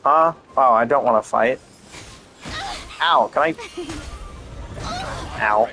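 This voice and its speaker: A man casually rambling and thinking out loud as he plays a video game, swearing now and then. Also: medium pitch, slow, music in the background, rough recording. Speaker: gaming video creator. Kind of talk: casual gameplay commentary.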